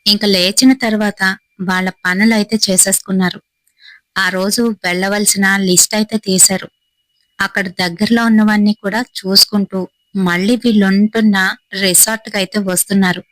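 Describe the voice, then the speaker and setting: A woman narrating a horror story in a steady, suspenseful storytelling manner. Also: medium pitch, moderate pace, no echo, rough recording.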